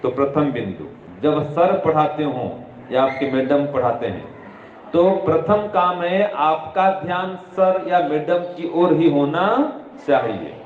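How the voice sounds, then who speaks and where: Here the same kind of religious teacher delivers moral lessons to students, expressive and at a measured pace, restating ideas and posing questions he answers himself. His slightly high voice carries a bit of hiss or hum, heard through an echoey room on a tinny phone-like connection.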